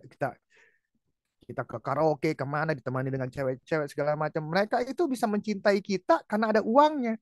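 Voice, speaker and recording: Male preacher, high-pitched, animated testimony in slangy voice, dry close mic. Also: no room sound. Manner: animated storytelling, acting out past dialogue in slangy Jakarta speech. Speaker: evangelist preacher. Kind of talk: personal testimony in a sermon.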